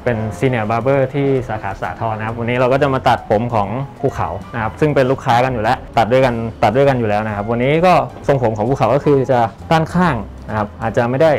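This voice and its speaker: A young senior barber talks fast with few pauses, his medium-pitched voice slightly mellow, as he politely explains haircut and styling steps while working. It's a hands-on styling demonstration inside a barbershop, with soft music in the background. His explanations often end on courteous phrases.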